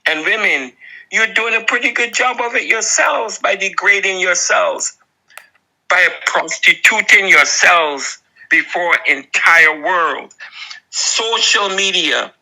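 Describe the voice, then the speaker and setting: A man's voice: high-pitched, pushed and bright, poor audio. A man with a Barbadian accent delivering an earnest, impassioned moral address, pleading with his listeners. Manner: slow, earnest, preaching with pleading appeals. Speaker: video essayist.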